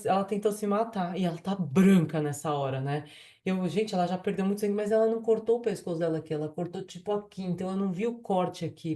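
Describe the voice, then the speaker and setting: A woman telling a personal story in casual, animated speech, acting out the voices in her quotes and using many fillers. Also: medium pitch. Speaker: vlogger recounting a dream.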